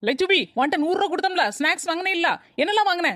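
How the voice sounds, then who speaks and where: A woman voicing a fussy young village mother in a cartoon, speaking in a brisk, scolding, motherly way. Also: very high voice, heavy background noise.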